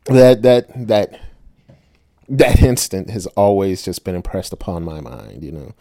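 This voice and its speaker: Chatty, low-voiced man telling stories. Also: lively intonation, unhurried, warm tone, dry recording, studio quality. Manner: chatty, tags lines with "right?", laughs often. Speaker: storyteller. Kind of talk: casual personal storytelling.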